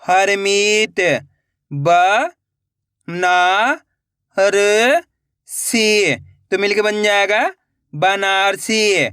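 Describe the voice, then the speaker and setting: A man's voice: sits high, fairly even intonation, normal speed, sharp tone, dry recording, clean studio sound. A man teaching Hindi reading, sounding out each letter before reading the whole word, and encouraging his viewers. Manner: encouraging, addresses viewers as friends. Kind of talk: slow spelled-out reading lesson.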